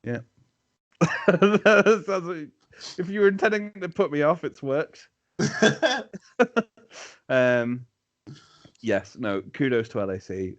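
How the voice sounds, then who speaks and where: A man's voice: on the high side, slow, pauses often, lo-fi sound. A man who is a guest on a casual podcast chat, teasing the host and laughing easily. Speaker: podcast guest, team captain.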